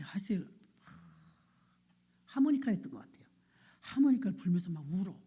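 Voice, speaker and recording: Storytelling woman pastor, warm dark voice. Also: medium pitch, breathy edge. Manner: lively anecdotal storytelling, acts out quoted voices. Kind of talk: sermon storytelling.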